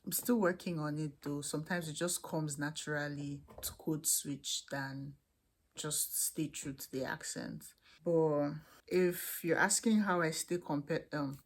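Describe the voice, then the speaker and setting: A young woman with a Nigerian accent and a low voice speaks at a measured pace, answering viewers' questions to camera about student life and faith. As an international student vlogger, she's chatty and candid, often restarting her sentences.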